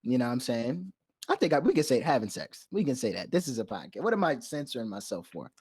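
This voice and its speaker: A young podcast co-host with a mid-range, slightly breathy voice talks fast, telling a story casually. He's an animated storyteller who acts out quotes, voices and sound effects, captured in a dry, studio-quality recording.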